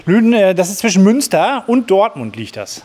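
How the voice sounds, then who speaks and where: A man's voice: high-pitched, very animated, moderate pace, warm tone. A man in his fifties, an inventor, talking eagerly and casually about his own gear.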